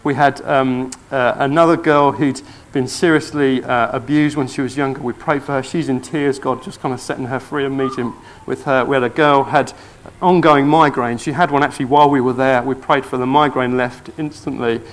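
A man preaching, telling a testimony story in church with earnest excitement. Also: mid-range voice, moderate pace, hardly any pauses.

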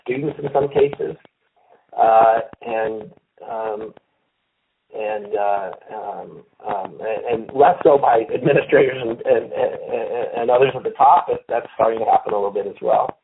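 A man giving a phone interview as a company executive, speaking haltingly with many fillers and restarts. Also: mid-range voice, slight background noise. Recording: tinny phone line.

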